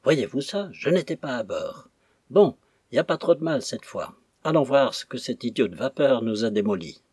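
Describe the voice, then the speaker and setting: A man voicing a gruff sixty-year-old sea captain in an audiobook, grumbling his lines. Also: medium pitch, lively intonation, moderate pace, darkish tone, no room sound, clean studio sound.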